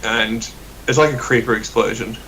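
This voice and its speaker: Bright-voiced man bantering over a game. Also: mid-range voice, normal speed. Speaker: gamer. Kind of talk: casual gaming banter. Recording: distant mic with faint noise.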